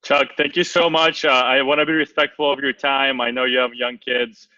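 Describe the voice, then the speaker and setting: A man's voice: medium pitch, little pitch movement, normal speed, bright, forceful tone, no room sound, distant mic, lo-fi sound. A man hosting a live Q&A event, upbeat and polite as he thanks the guest. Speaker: event host.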